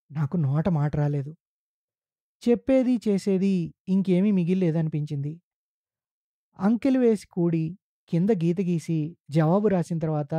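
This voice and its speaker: An ailing elderly playwright, reflective and slow-spoken, as the storyteller reads his lines. The voice is very dark and mellow, close and dry, with no room around it. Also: fairly high pitch, no echo, natural voice.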